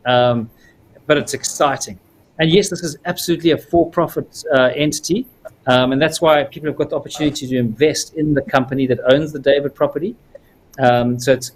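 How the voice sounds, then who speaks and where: A South African-accented film producer answers viewer questions at length on a livestream, using frequent fillers. His voice is on the high side and a little mellow.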